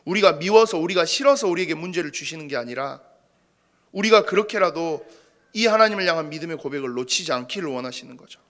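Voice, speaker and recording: A man's voice: fairly high pitch, animated, fast, a bit bright. A man in his thirties preaching a sermon, telling a personal story in a conversational, self-deprecating way. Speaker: pastor.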